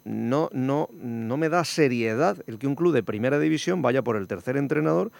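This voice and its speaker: Gravelly-voiced man from hosting. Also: medium pitch, expressive, moderate pace, darkish tone, dry recording. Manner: critical, pointed, wry. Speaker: radio show host. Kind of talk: sports radio panel discussion.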